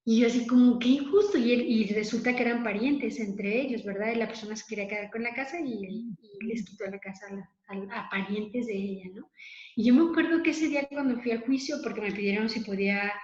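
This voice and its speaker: A woman's voice: on the high side, a little fast, darkish tone. A woman leading a spoken prayer meditation, earnest and conversational, often adding little tag questions. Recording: dull, lo-fi, echoey room.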